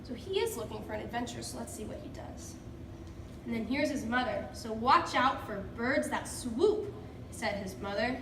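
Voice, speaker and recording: A woman's voice: fairly high pitch, expressive, normal speed, fairly bright tone. A woman teacher leading an interactive picture-book read-aloud for children, encouraging and prompting with questions. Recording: echoey room, distant mic, background noise.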